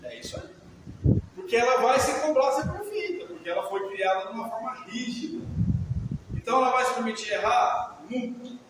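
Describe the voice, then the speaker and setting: A man with a very high voice and a Brazilian Portuguese accent lectures a live audience, conversational and full of questions to the room. He is caught from far off in a big hall, with heavy echo, long reverb and a faint hiss underneath. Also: lively intonation, normal speed. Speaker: lecturer on emotional healing.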